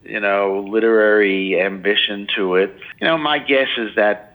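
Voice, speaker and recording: A man's voice: on the low side, moderate pace, phone-quality sound. A man in his sixties, a biographer answering interview questions in a loose, rambling way full of "you know" and restarts. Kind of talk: casual interview talk.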